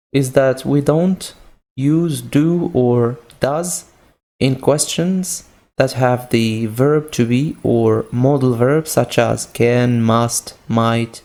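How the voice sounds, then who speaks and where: A man's voice: mid-range voice, slow, vocal fry, mellow. A man with a Moroccan accent teaching English grammar, patiently repeating each point with example sentences. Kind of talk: slow grammar lesson.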